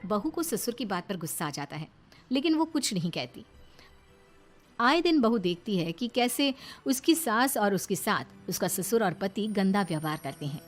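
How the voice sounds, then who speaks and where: A woman's voice: mid-range voice, animated, normal speed, soft background music. A woman reading scripted, dramatic narration for a moral story.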